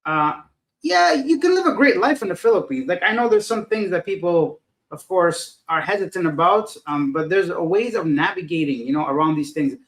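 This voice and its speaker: Sounding tired and unfocused, a middle-aged livestream host from Afghanistan reads viewers' messages aloud and responds in a rambling, self-mocking manner, often losing his thread. His voice sits high and animated at a moderate pace, on a rough recording.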